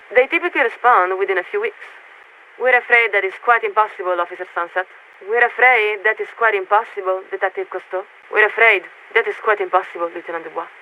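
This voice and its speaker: Playing a composed, courteously bureaucratic military signaler in a video game, a woman delivers formal, measured lines. Her medium-pitched voice is pushed and bright, run through a radio filter into a narrow band with static.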